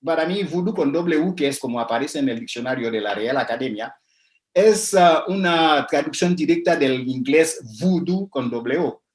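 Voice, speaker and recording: A man's voice: a little high, animated, normal speed. Hesitant man lecturing in an echoey room. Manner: hesitant, many fillers and restarts, explanatory. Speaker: lecturer on religion. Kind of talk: spoken lecture with slides.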